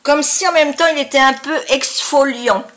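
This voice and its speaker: A woman chatting casually to viewers in a product review, with a congested, honking nasal voice and a halting delivery as she searches for words. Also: high-pitched, a bit bright. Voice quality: nasal, honking, duck-like voice from blocked sinuses. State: congested with sinusitis. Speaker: beauty vlogger.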